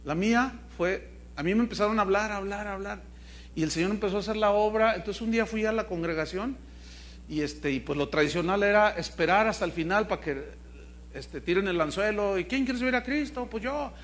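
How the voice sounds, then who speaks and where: A man's voice: high voice, fairly quick. A man, a pastor preaching a sermon to his congregation, telling stories animatedly and speaking straight to his listeners. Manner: animated storytelling with acted quotes, addresses the congregation. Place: church congregation.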